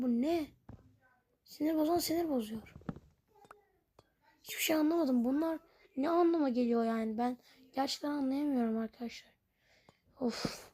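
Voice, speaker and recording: A gaming channel host, a woman, comments on her own Minecraft let's play as she goes, puzzled and rambling and constantly addressing her viewers. Her voice is high-pitched with a dark tone.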